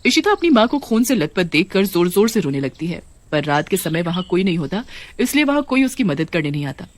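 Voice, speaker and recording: Steady storybook narrator woman. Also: on the low side, a little fast. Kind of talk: scripted narration.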